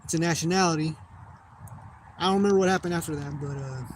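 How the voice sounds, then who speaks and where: Young man, casual monologue, profane and rambling, slightly high voice, noisy recording. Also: fast. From United States. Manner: profane, rambling, losing his train of thought. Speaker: vlogger. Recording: noisy background.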